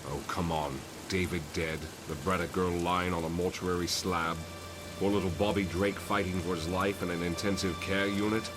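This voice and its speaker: Really low voiced older professor guy acting, grave and measured, full of guilt, music behind him. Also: fairly even intonation, close to an everyday voice. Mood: despairing. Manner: grave, measured, eloquent, self-reproaching. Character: weary, guilt-ridden older male professor and mutant mentor. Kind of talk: motion comic voice acting.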